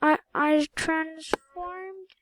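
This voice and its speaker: Casting: high-pitched female gamer, very slow delivery, hesitant and repetitive, dry close sound. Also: fairly even intonation, no echo, rough recording. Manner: halting, repeats words, counts aloud. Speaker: gaming channel host. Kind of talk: casual gameplay commentary.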